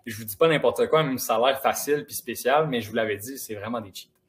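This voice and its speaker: A young man with a Quebec French accent giving a lively, casual, encouraging motivational talk to students in a school auditorium. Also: medium pitch, fast, a little hiss or hum. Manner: lively, casual and encouraging, addressing the audience directly. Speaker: motivational speaker.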